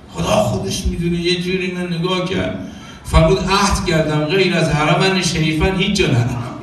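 A man's voice: sits high, a little hiss or hum. A man preaching a sermon, telling stories and acting out quoted dialogue with sung phrases. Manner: animated, acts out quoted dialogue, sings some phrases. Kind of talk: religious sermon with storytelling. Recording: echoey hall from far off.

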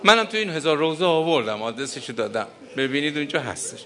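Older male preacher, mourning sermon, forceful bright voice, impassioned and grieving. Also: fairly high pitch, very animated, some chatter behind. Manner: impassioned, grieving, breaks into lamenting chant.

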